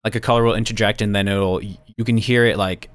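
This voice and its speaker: A man hosting a podcast, speaking in a relaxed, halting way with many fillers. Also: fairly low pitch, clean tone. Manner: relaxed, hesitant, lots of fillers. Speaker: podcast host. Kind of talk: casual podcast interview.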